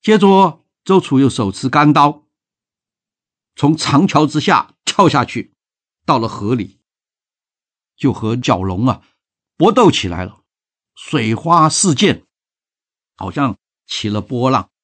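A male storyteller recounting an old folk tale with animated expression. His mid-pitched voice swings widely from phrase to phrase. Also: slow, long pauses.

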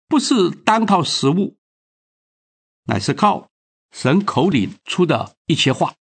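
Slow, earnest male preacher telling a story, husky voice, lively pitch. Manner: earnest, exhorting. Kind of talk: sermon storytelling.

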